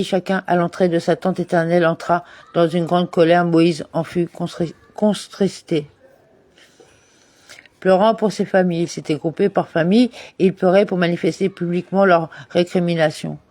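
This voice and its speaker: A man with a fairly high voice reads a study text aloud in a steady lesson style. He stumbles now and then and corrects himself. The sound is dry and close, with no room around it. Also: no echo. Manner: reads steadily, with occasional restarts and self-corrections. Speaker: Torah study reader. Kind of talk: reading a commentary text aloud.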